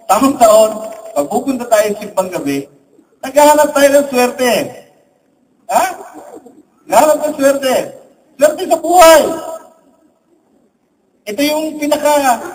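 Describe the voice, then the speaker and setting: High-voiced priest giving a joking sermon. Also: male voice, a little mellow. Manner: humorous storytelling with jokes. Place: large church, indoors. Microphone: recorded from among the congregation. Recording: distant church recording, faint hum.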